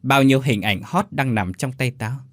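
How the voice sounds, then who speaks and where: A man voicing a scheming young gigolo who sneers and blackmails with mocking calm. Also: mid-range voice, normal speed, no echo, clean studio sound, natural voice. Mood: sneering.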